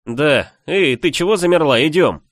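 A male narrator voicing a lively, teasing young man in an audiobook, talking in a raised, animated voice. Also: medium pitch, fairly quick, no room sound, studio quality, voice pushed up, natural voice. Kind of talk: audiobook character voice.

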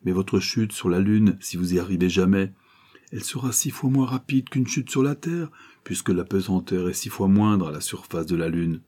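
A man's voice: low voice, expressive, moderate pace, mellow, slightly rough. A man voicing a hot-tempered, skeptical male stranger who argues with scorn, in a storybook reading. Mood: heated, scornful. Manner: vehement, scornful objections.

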